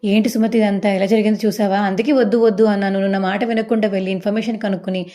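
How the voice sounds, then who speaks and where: A woman's voice: mid-range voice, flat delivery, racing, warm tone, lightly acted. A woman voicing a protective older sister who anxiously apologizes for her sibling. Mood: complaining.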